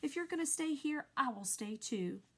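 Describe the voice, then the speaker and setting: Frantic, pleading young pig played by a woman, squeaky and anxious, storybook. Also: lively intonation, moderate pace, fairly bright tone. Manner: pleading, high and breathless. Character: young male pig, earnest and easily panicked. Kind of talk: storybook read-aloud.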